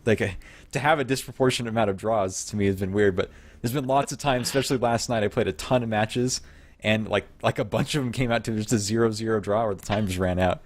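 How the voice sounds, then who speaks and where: A man co-hosting a gaming podcast, chatting in a relaxed way and often trailing off and restarting. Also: lowish voice, quick pace. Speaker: podcast co-host. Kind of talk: casual gaming podcast chat.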